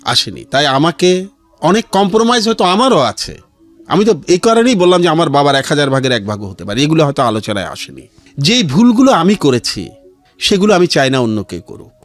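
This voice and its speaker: Sounding very animated and fairly quick, with a voice on the high side, a middle-aged Bangladeshi-accented man tells his life story as a radio interview guest. He gives earnest advice while music plays behind him in the studio.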